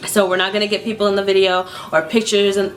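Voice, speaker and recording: A chatty woman vlogger recounting a trip straight to camera, peppering her talk with "like" and acting out bits of the story. Her voice sits at an ordinary middle pitch, with soft music playing faintly underneath. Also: fast talker. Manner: chatty, frequent "like" fillers, animated re-enactments. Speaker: travel vlogger.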